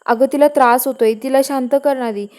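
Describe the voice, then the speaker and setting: A woman speaking as a young man, impatient and protective, pleading one moment and firm the next. The voice is high with a soft, mellow tone, more retelling than full acting. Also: steady tone, a little fast, lightly acted. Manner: pleading then firm, talks down to listener. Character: young man defending his ill girlfriend, impatient.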